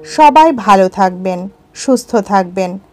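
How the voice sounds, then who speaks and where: Slow, measured woman storyteller. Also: medium pitch, lively intonation. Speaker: audiobook narrator. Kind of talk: storybook reading. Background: faint music.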